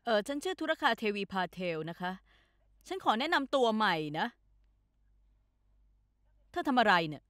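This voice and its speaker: An actress playing a stern, threatening matriarch who lectures in a dubbed soap opera. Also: female voice, on the high side, big pitch swings, normal speed, pauses often, fairly bright tone, dry recording, clean studio sound.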